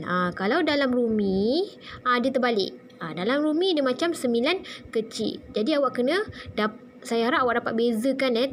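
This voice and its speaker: A woman's voice: a little high, slight background noise. A woman with a Malaysian Malay accent teaching a recorded online lesson, patiently repeating key points with many fillers.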